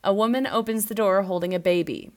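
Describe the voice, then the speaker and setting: A woman's voice: medium pitch, fairly quick. A woman hosting a podcast, recapping a film in casual chat and laughing often. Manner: giggly, animated storytelling. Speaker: podcast host.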